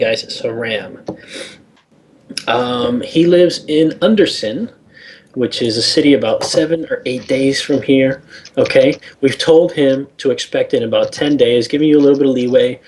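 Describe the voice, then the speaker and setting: A man voicing a brisk male employer who hires adventurers for a tabletop game, speaking in a hurried, businesslike way. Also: mid-range voice, darkish tone, slight background noise, natural voice.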